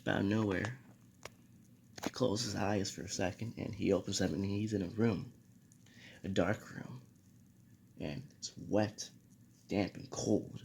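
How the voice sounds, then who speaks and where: A young man with a low, gravelly voice casually tells a homemade fan story, stumbling over fillers and restarts as he goes. Faint noise sits behind his voice. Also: steady tone, measured pace, long pauses, darkish tone. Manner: rambling with many fillers and restarts.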